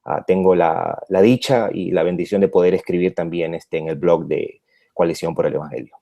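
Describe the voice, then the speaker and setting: Hesitant pastor, dark voice. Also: male voice, low voice, fairly even intonation, normal speed, gravelly. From Peru. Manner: hesitant, many fillers and restarts. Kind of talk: radio interview conversation.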